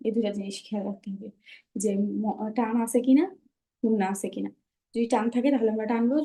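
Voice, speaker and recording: A woman's voice: a little high, warm tone. A woman teaching Quran recitation in an online class. She explains patiently and keeps checking that her students understand.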